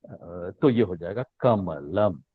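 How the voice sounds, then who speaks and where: A man's voice: sits low, lively intonation, husky, no echo. Man teaching over a tinny line. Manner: drawn-out recitation of letters with rising questions. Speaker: Sanskrit teacher. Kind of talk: explaining a language lesson. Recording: tinny phone-line sound, dry.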